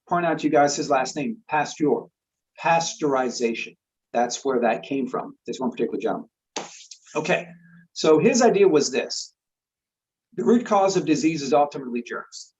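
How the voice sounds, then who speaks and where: A man's voice: on the high side, darkish tone. A man explaining a topic earnestly in casual conversation. He often repeats words and checks in with "right?". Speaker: guest expert. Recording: slightly dull lo-fi sound.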